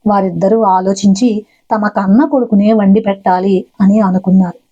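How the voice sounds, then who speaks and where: Warm, breathy woman telling a devotional story. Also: medium pitch, steady tone, normal speed, dull audio. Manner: gentle, addresses listeners with advice.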